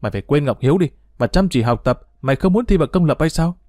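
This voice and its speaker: A man's voice: a little high, expressive, quick pace, a little mellow, no room sound, lightly acted. A man voicing a tough, hot-tempered teenage schoolboy who scolds bluntly, recorded dry. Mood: angry.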